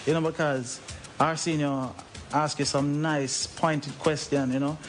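A Jamaican-accented man interviews a musician for radio in a casual chat, pressing with questions he often restarts. His voice sits on the high side, flat and a little slow, with soft music behind him. The recording is a noisy old interview tape.

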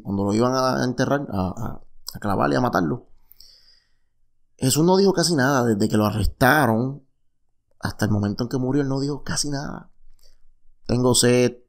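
A man teaching a casual Bible study, reading verses aloud and explaining them with lively, repetitive asides. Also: mid-range voice, creaky.

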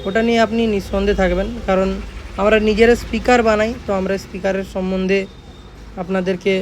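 Fast-talking and high-voiced with little pitch movement, a speaker workshop owner from Jhargram, West Bengal, narrates a casual vlog in a West Bengal accent. He circles back over his points and regularly checks for agreement with tag phrases, with slight noise in the background.

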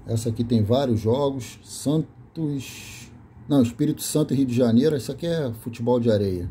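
A Brazilian man with a mid-range, mellow voice films his VHS collection in a small room, reading the tape labels aloud at a moderate pace. He talks off camera in a casual, list-like way and corrects himself as he goes. There is slight background noise, and his accent is Brazilian Portuguese.

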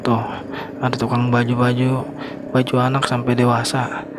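A young man talks his viewers through a motorbike ride in a flat, laid-back voice. He sounds relaxed and slangy, recorded on a camera mic on the move. Engine and street traffic noise sit clearly under his words. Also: mid-range voice, moderate pace. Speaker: motovlogger. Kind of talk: casual riding commentary. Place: riding a motorbike on town streets outdoors.

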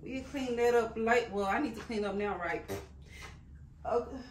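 Female vlogger, American, high voice, casual and expressive, playful slang. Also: moderate pace, reverberant, slight background noise. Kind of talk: casual chat to camera.

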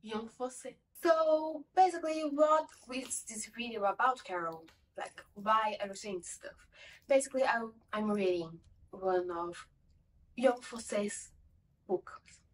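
Her fairly high, expressive voice moves at a slow pace as this young woman rambles through a casual book review, correcting herself along the way. Portuguese is her first language, and she is from a Portuguese-speaking country. She films at home in a room with bookshelves, and the camera a little away gives distant, poor audio.

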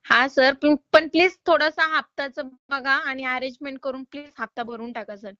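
A woman's voice: sits high, steady tone, moderate pace, pushed and bright, dry recording, lo-fi sound. A woman calling to collect a loan payment, polite but insistent and exasperated. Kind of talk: phone call.

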